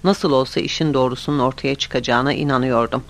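A man reading a story aloud in the first person, in a steady, plain storytelling manner. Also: mid-range voice, brisk. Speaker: audiobook narrator. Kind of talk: scripted story narration.

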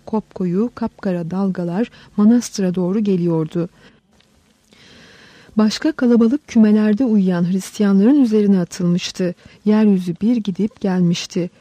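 A woman reads a historical novel aloud in a measured, dramatic way. Her voice is very dark and mellow. The sound is close and dry, with no room around it. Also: mid-range voice, dry recording. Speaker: audiobook narrator. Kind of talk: scripted story narration.

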